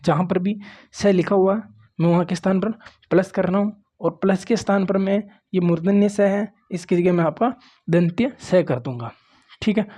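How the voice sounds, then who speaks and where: Speaking at normal speed, this man has a high-pitched voice with a dark tone. He's from Rajasthan and gives a grammar lecture at a board, coaxing students in a plain way and often saying "देखो" (look) and "ठीक है" (okay).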